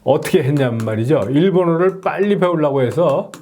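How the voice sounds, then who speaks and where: A middle-aged man explaining English pronunciation in a lesson, often checking in with a quick rhetorical "yes?". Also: fairly high pitch, background noise. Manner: animated, frequent rhetorical "예?" checks.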